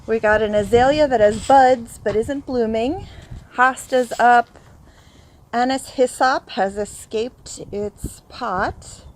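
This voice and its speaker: Still breathless from a run, a woman walks through her garden holding her phone camera and chats about her plants, occasionally unsure what they're called. She speaks slowly in a somewhat high voice. The casual walk-through recording is low quality, with a little hiss or hum.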